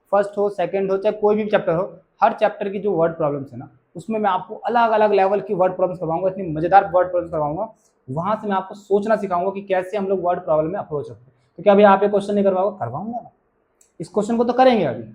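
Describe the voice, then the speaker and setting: A man's voice: high voice, a little mellow. A man teaches a maths class. He keeps it casual and chatty, repeating each key point and coaxing the students along as he works through the problems. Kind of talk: classroom lesson explaining solutions.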